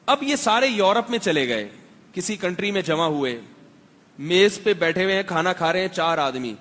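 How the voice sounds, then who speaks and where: A man's voice: high-pitched, lively intonation, fairly bright tone. A middle-aged man from Pakistan, an Islamic scholar giving a religious lecture to a seated audience, talking conversationally with rhetorical questions and wry humor. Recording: long hall reverb.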